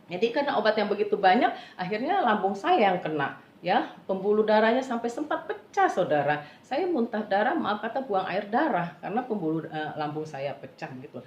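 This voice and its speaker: A woman's voice: medium pitch, very animated, a little mellow. Earnest woman giving a faith testimony. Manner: earnest, halting, addresses listeners as brothers and sisters. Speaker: testimony speaker. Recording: roomy, dull lo-fi recording.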